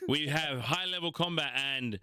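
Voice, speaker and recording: A man's voice: fairly high pitch, moderate pace, sharp tone, clean tone, no room sound, studio quality. An Australian man narrating as game master of a tabletop game, laughing and swearing casually.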